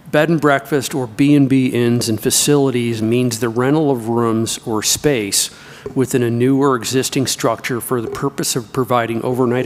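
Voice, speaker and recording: Man reading code aloud in a chamber. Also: medium pitch. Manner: reads the code aloud carefully. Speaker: city council member. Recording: long reverb of a council chamber.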